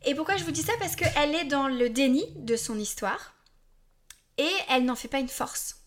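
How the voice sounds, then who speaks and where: Woman, forties, slightly high voice, casual podcast host, chatty, candid, talks straight to listeners, self-deprecating asides. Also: normal speed. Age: 40s.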